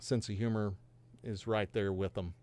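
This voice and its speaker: Smooth, low-voiced man telling his testimony. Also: level tone, moderate pace, a little mellow. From Georgia and Texas, USA. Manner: earnest, reflective, with light self-deprecating humor. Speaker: guest sharing his faith testimony. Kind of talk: personal testimony in a podcast conversation.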